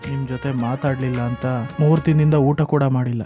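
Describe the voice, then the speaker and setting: A man's voice: medium pitch, fairly even intonation, normal speed, dark tone, faint music behind, lightly acted. An actor playing a tearful young man who keeps begging a woman to marry him, in a web series drama. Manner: pleading, repetitive. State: crying.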